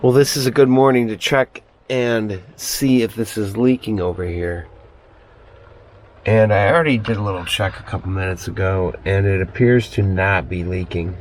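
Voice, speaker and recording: Low-pitched man rambling inside a small trailer. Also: steady tone, normal speed, darkish tone, a little hiss or hum. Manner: rambling, thinking aloud. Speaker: vlogger. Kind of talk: casual vlog chat, narrating chores.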